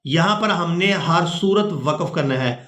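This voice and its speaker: A man teaching Quran pronunciation in a lesson, explaining the rules and then chanting the verses slowly. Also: on the high side, lively intonation, a bit bright, echoey room. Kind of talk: tajweed lesson with chanted recitation.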